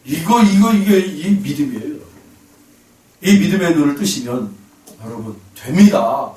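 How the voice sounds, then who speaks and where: A man's voice: on the high side, animated, moderate pace, darkish tone. Male pastor preaching emphatically to his congregation, miked from a distance in a reverberant sanctuary. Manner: emphatic, keeps calling out to the congregation. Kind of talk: sermon. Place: church sanctuary. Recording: roomy hall, voice from a distance.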